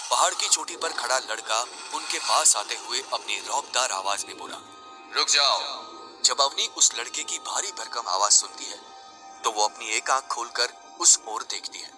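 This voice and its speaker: A man narrating a Hindi audio story in an expressive, scripted way. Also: mid-range voice, rough recording.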